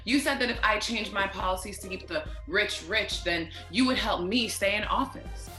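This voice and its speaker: A woman's voice: mid-range voice, normal speed, bright, forceful tone, echoey room, faint music behind, natural voice. A young woman playing a spoiled female politician who has landed in jail, in a stage show. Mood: angry. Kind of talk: youth stage theater.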